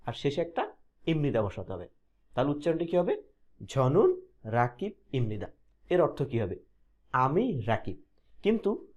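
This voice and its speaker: A man from Bangladesh, teaching a grammar lesson step by step, slowly repeating each example and asking and answering his own questions. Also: on the high side, darkish tone. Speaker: language teacher.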